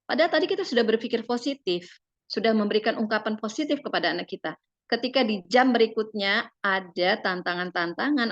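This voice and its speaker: A woman giving a parenting seminar with slides. She speaks gently and persuasively to parents and tags her phrases with fillers. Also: on the high side, dry recording, lo-fi sound.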